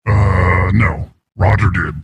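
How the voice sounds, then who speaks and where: A man's voice: low-pitched, fairly even intonation, takes it slowly, no room sound, pitched below the performer's own voice, full character voice. A man pranking over a call, using a voice changer to play a crude, self-important male neighborhood boss. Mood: smarmy. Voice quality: gravelly, raspy. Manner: rambling prank-call banter, mocking. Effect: voice changer distortion. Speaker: prank caller.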